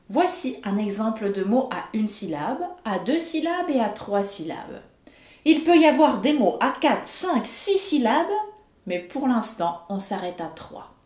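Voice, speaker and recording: Slow, lively-voiced woman teaching pronunciation. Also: fairly high pitch, reverberant. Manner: clear, emphatic explanation. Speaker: Russian language teacher. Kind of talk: scripted video lesson.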